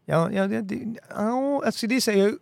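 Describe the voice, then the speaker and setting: A man's voice: high voice, animated, creaky, no echo. A young man co-hosting a casual podcast, playful and jokey, toying with words. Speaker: podcast co-host.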